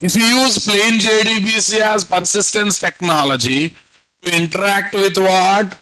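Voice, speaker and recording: A man with a Telugu Indian accent teaches programming online. His voice sits a little high and he speaks very slowly, as if dictating notes. He repeats phrases and keeps prompting his students with questions. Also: bright, forceful tone, rough recording. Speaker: programming instructor. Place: indoor room at a computer, video call.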